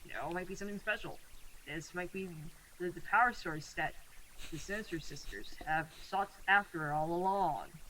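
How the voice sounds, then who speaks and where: A man's voice: high voice, normal speed, pushed and bright, a little hiss or hum, low-quality recording. A man co-hosting a casual webcast chat over a video call, hesitant and full of filler words. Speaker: co-host.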